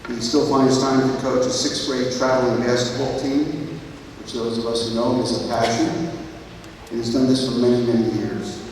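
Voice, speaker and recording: A man giving a measured, earnest formal introduction at a school graduation. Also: medium pitch, flat delivery, darkish tone, a little hiss or hum. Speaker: commencement presenter. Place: large hall, far from mic. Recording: echoey hall from far off.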